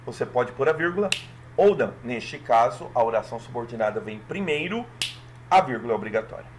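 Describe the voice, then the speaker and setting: A man from Brazil talks through exam questions as a teacher, his voice sitting at an ordinary middle pitch. He moves with lively energy and keeps checking in with his listeners. A faint steady background hiss runs under the recording. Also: brisk. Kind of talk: exam walkthrough lesson.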